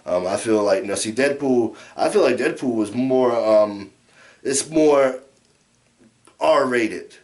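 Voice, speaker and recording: An amateur movie reviewer, a middle-aged American man, rants drunkenly in a casual vlog. His mid-range voice is expressive, slow and darkish in tone, and he rambles, repeats himself, and swears heavily throughout.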